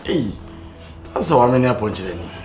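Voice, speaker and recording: Excitable young guy, pidgin, roomy echo. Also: fairly low pitch, brisk. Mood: excited. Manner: excited, mixing pidgin and local words. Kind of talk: Ghanaian film acting. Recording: echoey room with faint music score.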